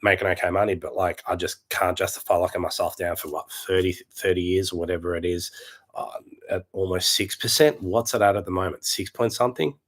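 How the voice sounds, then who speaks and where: A man in his late thirties, going hoarse as he chats casually to camera, rambling and repeating himself. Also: low voice, a little fast, fairly bright tone. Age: late 30s. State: losing his voice. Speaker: property vlogger.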